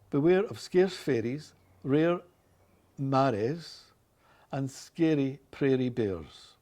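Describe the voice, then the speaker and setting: Scottish guy from glasgow, late 60s, soft dark tone, mid pitch. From Glasgow, Scotland. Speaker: organist. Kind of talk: reading accent sample passages and word lists aloud; casual chat about his own life.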